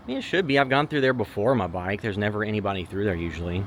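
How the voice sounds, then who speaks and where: A man's voice: fairly low pitch, expressive, racing, natural voice. A man acting as a casual, skeptical amateur creature hunter in a found-footage horror film, muttering hesitantly to his camera. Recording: noisy location sound.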